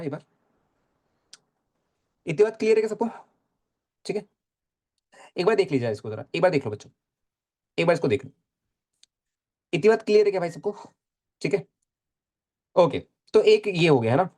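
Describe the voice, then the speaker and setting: A man's voice: high-pitched, a little mellow. Young male physics tutor; casual, repetitive, coaxing delivery. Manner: casual, chatty, repeats phrases, coaxes students. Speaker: physics teacher. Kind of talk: live online lecture.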